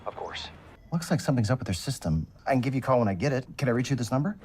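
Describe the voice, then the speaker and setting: An actor playing a brisk, dutiful army warrant officer in a TV drama, official and clipped. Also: male voice, medium pitch, expressive, a little mellow, a little hiss or hum, close to an everyday voice. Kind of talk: naturalistic TV drama acting.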